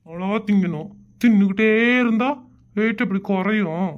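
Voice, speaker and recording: A woman's voice: medium pitch, normal speed, lo-fi sound, pitched below the performer's own voice, close to an everyday voice. A woman voicing an exasperated, sarcastic husband in a comedy skit. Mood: grumbling.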